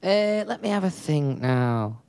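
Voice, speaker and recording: A man's voice: on the high side, big pitch swings, a little slow, vocal fry, darkish tone, clean tone, dry recording. Laid-back young man, full of ums. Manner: laid-back, hesitant with many fillers. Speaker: interview guest, singer. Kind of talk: casual radio interview chat.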